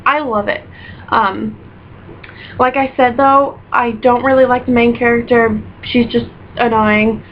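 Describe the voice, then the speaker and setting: A woman's voice: on the high side, fairly even intonation, unhurried, a little hiss or hum. A young woman chatting casually in a book review vlog, gushing and piling up repeated words for emphasis, recorded at home on a built-in camera mic. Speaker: book vlogger. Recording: dull lo-fi webcam audio.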